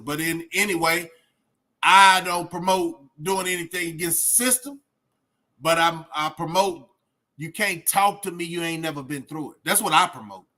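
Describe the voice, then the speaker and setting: A Texan man with a high, bright voice hosts a reaction livestream, ranting casually to his viewers. His talk is streetwise and slangy, peppered with "man" and "bro."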